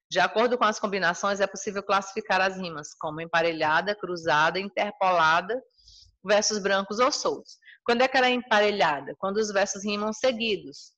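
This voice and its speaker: A woman's voice: mid-range voice, a bit bright, muffled recording. A woman with a Brazilian Portuguese accent teaching a recorded school lesson, explaining patiently and restating each point. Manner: explanatory, repeats and rephrases points.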